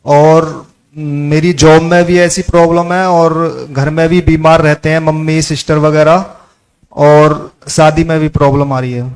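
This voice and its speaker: Man in his 30s, slightly high voice, respectful client giving brief answers. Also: level tone, unhurried, clean tone. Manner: deferential, short replies. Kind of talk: consultation answers.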